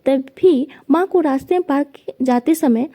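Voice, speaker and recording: A woman's voice: sits high, a little slow, warm tone. A woman reading a family story aloud, retelling it plainly and voicing quotes only lightly.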